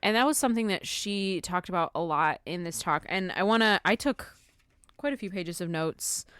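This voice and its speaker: A woman's voice: fairly low pitch, animated, moderate pace, fairly bright tone, clean tone, no room sound, studio quality. A woman hosting a podcast, recapping in an informal, giggly, chatty way. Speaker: podcast host. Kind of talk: casual chat, recapping a talk.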